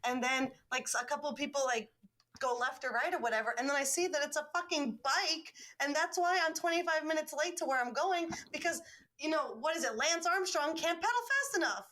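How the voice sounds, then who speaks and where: A woman's voice: high voice, a little fast, sharp tone. A woman in her twenties co-hosting a casual podcast, emphatic and dramatic, swearing for effect. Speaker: podcast co-host.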